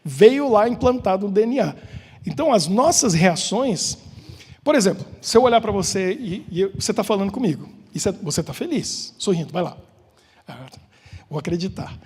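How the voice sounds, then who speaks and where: A man's voice: sits high, sing-song, normal speed, darkish tone, breathy edge. A Brazilian man, a pastor with a Brazilian Portuguese accent, gives an informal sermon, joking and asking the congregation questions. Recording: long church hall reverb.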